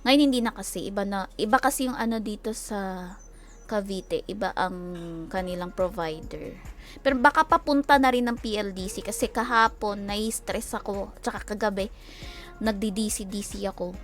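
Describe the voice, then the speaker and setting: A young adult woman with a Filipino accent chatting casually and teasingly on a game livestream, quick to laugh. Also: medium pitch, faint music behind. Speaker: game streamer.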